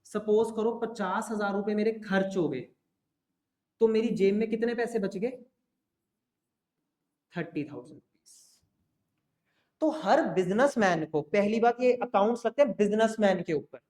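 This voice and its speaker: A man's voice: high-pitched, unhurried, pauses often, a little mellow. A man teaching an accounting class, talking students through the basics and often checking that they follow. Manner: coaxing, keeps checking in with students. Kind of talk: classroom lecture. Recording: roomy echo.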